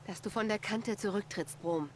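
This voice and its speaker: A woman voicing Aloy, calm young huntress. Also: mid-range voice, normal speed, a little hiss or hum, lightly acted. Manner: calm, composed, reassuring. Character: young woman hunter and heroine. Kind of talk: video game voice acting.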